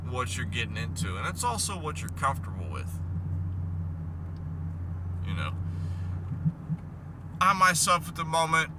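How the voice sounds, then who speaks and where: A man vlogging in a casual, rambling, playful way, halting as he goes, with a whistling S. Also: mid-range voice. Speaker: vlog host. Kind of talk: casual rambling solo talk. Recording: noisy, car noise behind voice.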